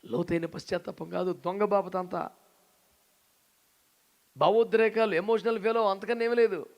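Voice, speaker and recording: A man preaching a sermon. He talks in a lively, teasing way and often acts out the people in his story. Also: high voice, moderate pace. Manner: animated, teasing, acts out quoted voices. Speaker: pastor.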